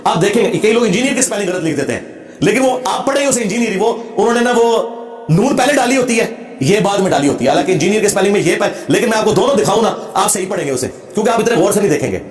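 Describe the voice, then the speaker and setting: Male religious lecturer, combative and emphatic, fast delivery, roomy echo. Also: sits high, expressive. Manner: emphatic and combative, demonstrates Arabic recitation. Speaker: religious speaker. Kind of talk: lecture answering a question.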